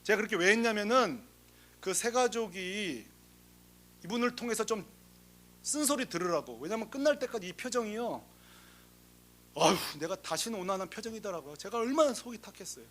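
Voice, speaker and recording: A man who is a senior pastor, preaching a sermon with lively, humorous stories, acting out the people in them and asking the congregation questions. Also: high-pitched, fairly quick, pauses often, slight background noise. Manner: lively, humorous storytelling that acts out the people in the story; talks straight to the congregation with rhetorical questions.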